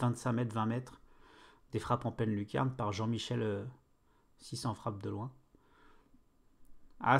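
A man streaming a football management game, commenting casually and excitably with bursts of play-by-play and swearing. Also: medium pitch.

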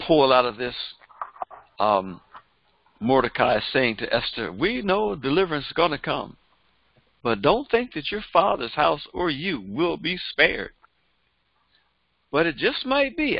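An older pastor, speaking in a mid-range voice with vocal fry, preaches a Bible lesson fervently and repetitively into a headset microphone. He is in a small studio before a printed backdrop, and the recording sounds dry, slightly dull, and free of echo.

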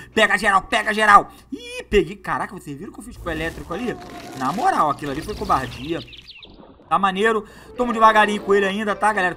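A man doing excitable, slangy live gameplay commentary as a gaming YouTuber, hyping up his viewers. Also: sits high, a little hiss or hum.

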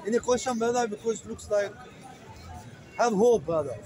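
A man preaching fiercely to an open-air crowd in halting non-native English, calling his listeners "brother" and searching aloud for words. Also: high voice, animated, mellow, rough recording. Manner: fiery, emphatic, calls listeners "brother". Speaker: street speaker debating a crowd. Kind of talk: open-air soapbox debate. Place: outdoor public speaking area in a city. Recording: outdoor crowd noise. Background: crowd of listeners around him.

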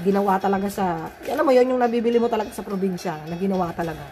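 Speaking very fast at medium pitch and in a dark tone, with faint music behind her, this Filipino-accented vlogger chats to her viewers, calling them "guys." Her casual home vlog covers cooking and gardening, and her voice sounds a little altered because she is recovering from the flu.

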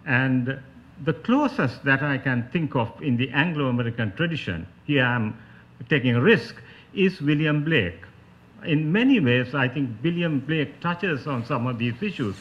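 A man's voice: mid-range voice, expressive, measured pace. A man with a Sri Lankan accent giving an academic talk as a panelist, in a scholarly, explanatory manner. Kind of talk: spoken academic lecture. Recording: dull, lo-fi talk recording.

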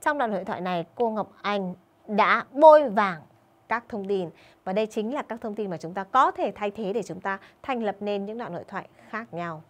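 A woman English teacher giving an online video lesson for schoolchildren. She keeps checking in with her pupils and slows down to model English sentences. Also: mid-range voice, expressive.

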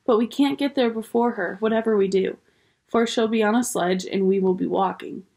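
A woman's voice: mid-range voice, normal speed, darkish tone, close to an everyday voice. A woman voicing a bustling, motherly beaver wife. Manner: bustling and homely. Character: fussy motherly female beaver.

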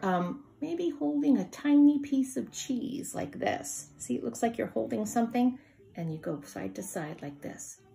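A middle-aged woman teaching a lesson to young children in simple, encouraging phrases, with questions and repetition. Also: lowish voice. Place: indoor room at home, seated at a wooden table.

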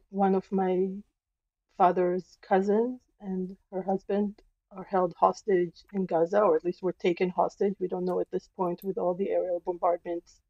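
A woman historian answering interview questions in an earnest, measured, emphatic way. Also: mid-range voice, no room sound, muffled recording. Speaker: guest, historian professor.

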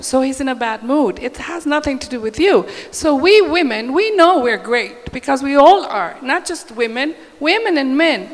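A woman speaking as a panelist on a conference stage, upbeat and emphatic, into a handheld mic. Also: high voice. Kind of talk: panel discussion answer. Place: large conference hall stage. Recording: reverberant hall.

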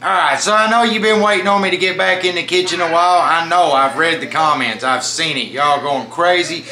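A man's voice: on the high side, brisk, sharp tone. Folksy man cooking at home. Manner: folksy, chatty, says y'all. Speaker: family vlogger and home cook. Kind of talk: casual home cooking vlog. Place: home kitchen, indoors. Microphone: handheld camera mic. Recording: noisy home kitchen audio.

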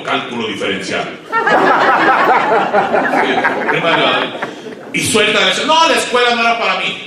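A man preaching a sermon to pastors, swinging between loud emphatic peaks and low quiet asides and asking the audience questions. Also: a little hiss or hum. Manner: asks the audience questions and waits for replies. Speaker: guest pastor. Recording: echoey hall, voice far from mic.

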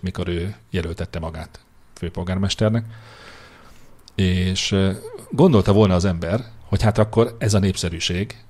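A man with a very low, husky voice chats on a podcast, teasing his co-host and confidently making predictions. He talks in an opinionated, mocking way, with quick jabs and asides. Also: a little mellow. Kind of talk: casual political chat.

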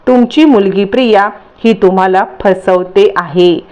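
A woman's voice: medium pitch, measured pace, a little mellow, smooth, highs cut off, close to an everyday voice. A woman voicing a greedy young blackmailer who talks in a taunting, insistent way in a storytelling recap.

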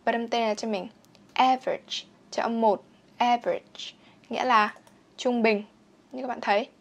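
A young woman with a slightly high voice runs a bilingual vocabulary lesson. She says each English word slowly, repeats it several times for practice, and explains it in Vietnamese. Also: fairly even intonation. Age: young adult. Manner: repeats words slowly and clearly for drilling. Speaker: English teacher.

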